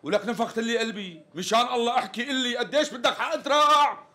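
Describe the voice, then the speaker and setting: An actor with a Syrian accent playing an exasperated customer who keeps pressing for the price. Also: male voice, fairly high pitch, quick pace, fairly bright tone, close to an everyday voice. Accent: Syrian Arabic. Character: impatient male customer demanding the price.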